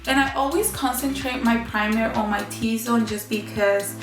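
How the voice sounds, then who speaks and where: A woman's voice: on the high side, normal speed. A woman vlogger with a bad cold and a honking, nasal, stuffed-up voice, chatting casually through a makeup tutorial. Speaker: beauty vlogger. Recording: roomy echo, music behind. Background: music.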